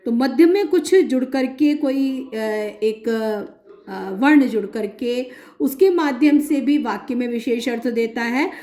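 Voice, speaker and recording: Slow, methodical woman lecturing. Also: high-pitched, lively intonation, warm tone, echoey room. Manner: methodical, explaining with many examples and pauses. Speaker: linguistics lecturer. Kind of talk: recorded academic lecture.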